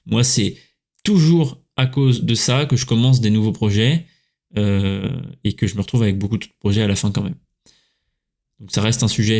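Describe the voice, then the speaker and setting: A man's voice: fairly low pitch, a little mellow. A man from France hosting his own podcast, talking casually with many fillers and self-corrections. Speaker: podcast host, writer and coach. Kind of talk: casual solo podcast talk.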